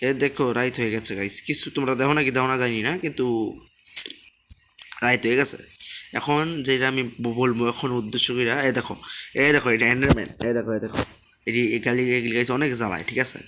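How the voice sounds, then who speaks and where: A man hosting a casual gaming channel, chatty and repetitive, keeping his voice low on purpose. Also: fairly even intonation, quick pace, noisy background. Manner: chatty, repetitive, keeps asking viewers to subscribe; talks softly on purpose. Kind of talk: casual gameplay commentary.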